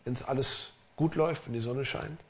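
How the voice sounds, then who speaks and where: A man's voice: medium pitch, normal speed. A middle-aged man preaching as a pastor in an earnest, emphatic way, asking his listeners direct questions. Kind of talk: sermon.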